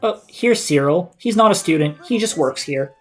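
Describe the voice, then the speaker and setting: A man's voice: high voice, animated, normal speed, a bit bright. A man giving casual live gameplay commentary as a streamer, indoors over game audio. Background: game music.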